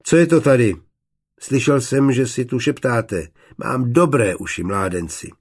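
A man's voice: mid-range voice, darkish tone, breathy edge, voice pushed up. A man voicing a stern old cleric. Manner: stern, admonishing. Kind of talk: audiobook character voice.

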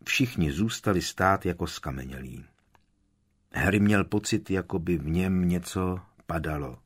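A man reads a novel aloud with a low, husky voice. His narration is measured and solemn, steady from line to line. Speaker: audiobook narrator. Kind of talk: scripted narration.

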